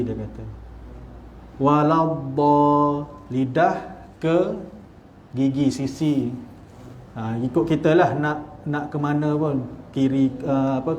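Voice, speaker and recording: A man's voice: medium pitch, warm tone, muffled recording, slight background noise. A man with a Malaysian Malay accent teaching Quran recitation at an evening lecture in a small prayer hall, drawing out letter sounds as he demonstrates them. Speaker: religious teacher.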